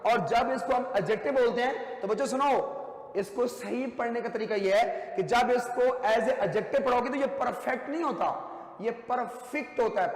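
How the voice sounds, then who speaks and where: A man, with a very high-pitched voice, lecturing an English grammar class at a whiteboard. He talks emphatically and repeats key words for his students. The sound rings with long reverb in an echoey classroom. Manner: emphatic, repetitive, addresses students as children. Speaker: English teacher.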